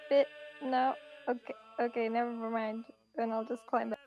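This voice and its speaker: A woman's voice: a little high, little pitch movement, moderate pace, lo-fi sound, soft background music. A woman chatting casually as a player in a tabletop game. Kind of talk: casual chat.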